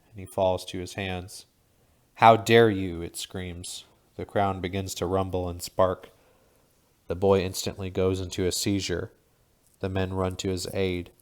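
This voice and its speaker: Deep, flat-voiced male narrator. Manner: steady, even, measured reading. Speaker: audiobook narrator. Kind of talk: scripted audiobook narration.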